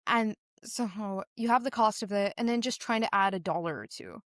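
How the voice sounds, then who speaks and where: Speaking at a normal speed with a medium-pitched voice, this teenage Singaporean girl gives sincere, chatty interview answers about being a young business founder. She tells stories animatedly and says "like" a lot. The sound is dry and clean, like a studio.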